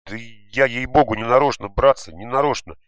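A man voicing a frightened boy who stammers and pleads, raised above his own low voice. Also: unhurried, smooth, natural voice. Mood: pleading.

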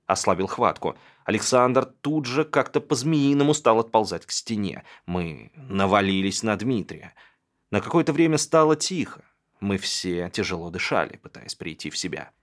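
A man narrating an audiobook in a dramatic, expressive way. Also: on the low side.

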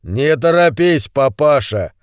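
A man voicing a swaggering young male street thug who taunts and threatens in slow, drawn-out mockery. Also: a little high, lively intonation, clean tone, dry recording, clean studio sound. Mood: mocking.

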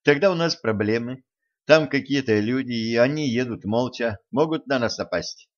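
A male narrator voicing a bold, sharp-tongued young woman who answers with sarcastic retorts. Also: medium pitch, normal speed, muffled recording, natural voice. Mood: snappy.

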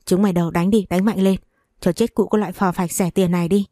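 A heavyset, brutish woman who hurls coarse threats, voiced by a woman narrator. The voice is low and mellow. The recording is close and dry for a storybook reading. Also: steady tone, fast, no echo, lightly acted. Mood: menacing.

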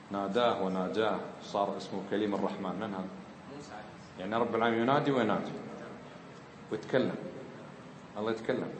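A man's voice: fairly low pitch, background noise. Man quizzing a class. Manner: quizzes students, mixing dialect into explanations. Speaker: Islamic grammar teacher. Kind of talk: classroom lesson. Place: lecture room with students. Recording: roomy echo.

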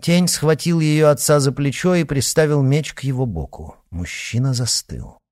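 A man narrating an audiobook in an expressive storytelling manner. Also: medium pitch, normal speed, dry recording, clean studio sound.

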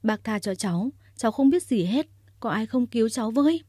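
A woman's voice: on the high side, expressive, a little fast, dark tone, dry recording, clean studio sound, pitched above the performer's own voice. A woman voicing a terrified young servant girl who stammers and pleads in a storybook reading.

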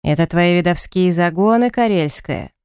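A woman reading an audiobook, voicing a gruff male tiger shifter who speaks in curt, growled lines. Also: high-pitched, normal speed, a little mellow, no room sound, clean studio sound. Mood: angry. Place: recording studio.

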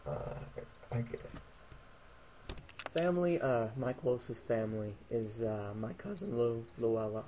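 A man's voice: on the low side, vocal fry, dark tone, a little hiss or hum, low-quality recording. A man voicing a laid-back young man, full of uh fillers.

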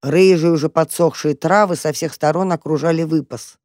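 Narrator: woman reading a children's story, calm and expressive, dry close recording. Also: low voice, moderate pace, dry recording. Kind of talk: audiobook narration of a children's tale.

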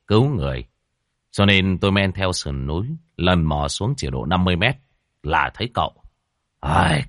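A man narrating a horror story in an expressive, dramatic way, voicing the characters. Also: low voice, no echo, clean studio sound.

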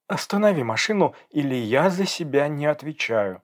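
A man voicing a furious, defiant young pregnant woman who shouts and pleads in a raised voice. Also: on the high side, sing-song, moderate pace, voice pushed up.

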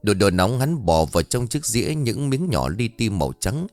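A man narrating a dark story in a dramatic, lively storytelling manner. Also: lowish voice, moderate pace, no echo, faint music behind.

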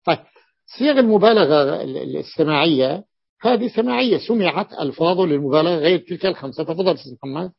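Gravelly man teaching, lo-fi recording. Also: fairly high pitch, lively intonation. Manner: repeats terms, many drawn-out "aah" fillers. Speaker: teacher of Arabic morphology. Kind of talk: classroom lesson explaining a text. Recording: dull lo-fi lesson recording.

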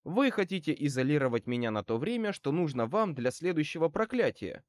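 A man reading an audiobook as a male wizard private eye who speaks wryly and with calm menace. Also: on the high side, brisk, dry recording, clean studio sound. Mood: wry, cool. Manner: wry, calmly threatening.

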